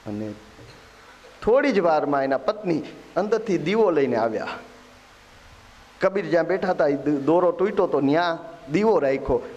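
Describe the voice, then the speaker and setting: A man's voice: on the high side, darkish tone, dull audio. A man telling scripture stories in a devotional sermon, voicing the characters in dialogue. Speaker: Bhagavat katha preacher.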